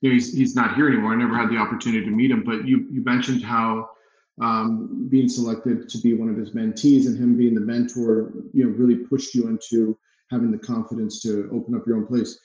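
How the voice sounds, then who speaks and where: Podcast host, man, halting questioner, echoey room, muffled sound. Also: mid-range voice, flat delivery, a little mellow. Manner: hesitant, with many repeated starts and fillers. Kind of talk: interview questions.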